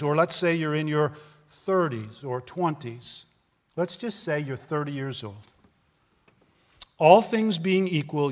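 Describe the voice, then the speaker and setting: In a big-room sound, a man in his fifties with a voice on the higher side delivers an earnest, conversational sermon as a pastor, frequently asking the congregation rhetorical questions.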